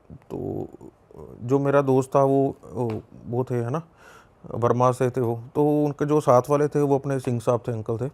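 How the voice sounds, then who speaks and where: Gravelly young man telling a story. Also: mid-range voice, mellow. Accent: Punjabi. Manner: conversational, lots of repetition and quoted dialogue. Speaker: podcast guest. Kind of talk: casual storytelling.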